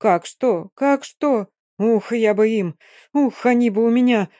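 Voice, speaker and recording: Fierce, fussing old Romani nomad woman, read by a woman narrator; loud and emphatic, no room sound. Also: mid-range voice, normal speed, no echo, clean studio sound, natural voice.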